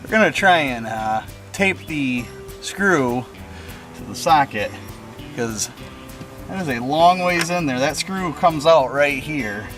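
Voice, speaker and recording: Over music, a car restoration vlogger with a fairly high voice narrates a hands-on project slowly and expressively, talking to viewers in a relaxed do-it-yourself manner.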